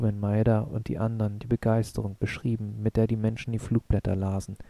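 A man narrating an audiobook in an even, measured reading. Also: fairly low pitch, creaky, no room sound. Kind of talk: scripted narration.

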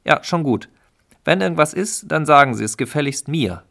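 A man voicing a bossy, blustering male sparrow who snaps loudly at everyone. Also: a little high, lively intonation, moderate pace, gravelly, pitched above the performer's own voice. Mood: irritable. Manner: snappish and loud.

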